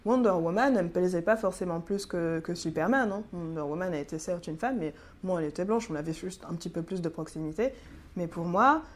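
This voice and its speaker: A woman's voice: fairly low pitch, expressive, brisk. A woman speaking personally and with enthusiasm in an interview. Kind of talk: candid interview testimony.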